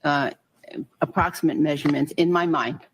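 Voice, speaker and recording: Careful lower-voiced woman testifying in a courtroom. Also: fairly even intonation, slight background noise. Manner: careful, qualifying, halting with repeated word starts. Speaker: medical expert witness, doctor.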